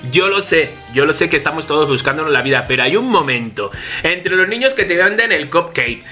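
A man with a Spanish accent from Spain, co-hosting a casual podcast chat and telling stories lively, acting out each person's lines. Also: fairly high pitch, a little fast, faint music behind. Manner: animated storyteller acting out dialogue. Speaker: podcast co-host.

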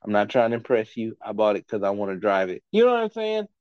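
A man's voice: on the low side, sing-song, fast, dry recording, lo-fi sound. A man as a podcast guest in casual chat, giving blunt, profane, rambling opinions.

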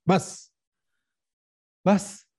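A man's voice: drawn-out words, darkish tone. A man with a Palestinian or Jordanian Levantine Arabic accent, arguing casually about sports and insistently repeating his points. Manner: argumentative, repeats himself insistently.

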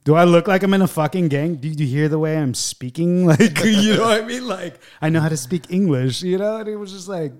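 A man's voice: high-pitched, fairly quick, hardly any pauses. A man telling a story in a casual chat, swearing freely. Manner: swearing, lots of yeah backchannels.

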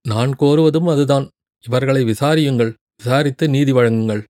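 Storybook role: man doing a bold young male envoy, fast-talking and cutting, dry close recording. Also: mid-range voice, darkish tone, no echo, close to an everyday voice. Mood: indignant. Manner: rapid, scolding torrent of words. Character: young bold male warrior envoy, indignant and sharp-tongued.

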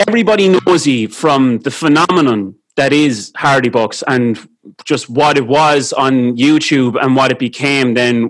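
A man's voice: medium pitch, rough recording. Irish man hosting a casual podcast. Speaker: podcast host, interviewer. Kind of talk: casual chatty interviewing.

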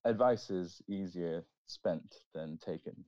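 A man's voice: low voice, mellow, no room sound, muffled recording. A man, a DJ, chatting casually on a podcast and often stopping to restart his sentences. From Singapore. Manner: halting, with many restarts. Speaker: DJ and guest.

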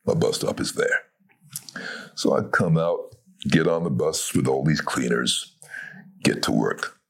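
A middle-aged man from Barbados with a deep, gravelly voice, telling a long story in a relaxed conversation and acting out the people in it. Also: measured pace. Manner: animated, acts out the voices of people in his story. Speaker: guest, voice actor.

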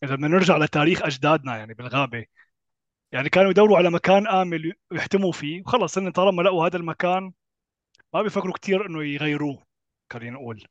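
A man with a Levantine Arabic accent talks in a casual discussion as a co-host, reasoning through measured objections on a slightly dull recording. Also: fairly high pitch, dry recording.

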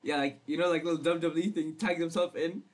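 A man's voice: fairly high pitch, steady tone, quick pace, a crowd in the background. A young man co-hosting a casual podcast chat, playful and teasing, swearing often. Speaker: podcast co-host.

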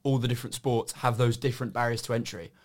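A man co-hosts a podcast discussion. His voice is of average pitch, and he sets out his points in a conversational, discursive style. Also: fairly even intonation, quick pace. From Somerset, southern England. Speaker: podcast co-host.

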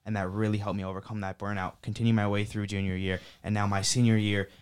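A young man rattles off his thoughts quickly in an earnest, filler-laden way. His voice sits low and stays fairly level, with a smooth, clean tone. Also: flat delivery. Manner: earnest, rapid, full of fillers. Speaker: student panelist. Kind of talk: casual panel discussion.

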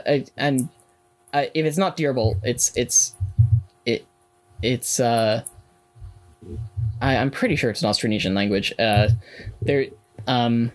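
Young man, casual discussion, halting delivery full of fillers. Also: mid-range voice, darkish tone, rough recording. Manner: halting, many fillers and restarts. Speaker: student in a class discussion.

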